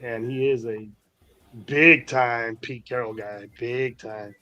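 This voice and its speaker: A man's voice: mid-range voice, fairly even intonation, takes it slowly, sharp tone, no room sound, lo-fi sound. A man co-hosting a sports podcast who teases the others, repeats himself and keeps saying "bro", over faint music. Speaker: podcast co-host. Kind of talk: casual sports chat.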